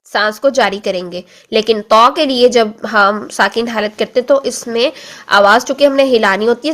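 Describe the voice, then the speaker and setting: A woman teaching Quran recitation, explaining calmly and repeating letter sounds again and again for practice. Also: fairly high pitch. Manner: explains slowly, drills letter sounds with many repetitions; stretches demonstration words very slowly. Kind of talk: tajweed lesson.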